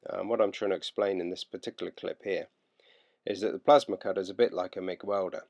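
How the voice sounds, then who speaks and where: A British man in his thirties casually narrates his boat-building work, relaxed and practical, with lots of ums. His voice sits low and is creaky, and he talks at a quick pace.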